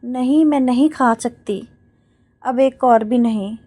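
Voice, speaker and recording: A woman's voice: a little high, takes it slowly, warm tone, dry recording. Woman doing a sulky childish old mother. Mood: stubborn. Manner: petulant, childish demands.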